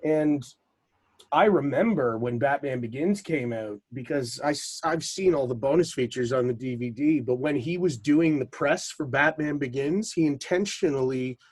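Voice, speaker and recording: Enthusiastic male podcast co-host, mid-pitched voice, dry sound. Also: a little mellow, slightly rough, dry recording. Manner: chatty, enthusiastic, quick asides. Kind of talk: casual film talk.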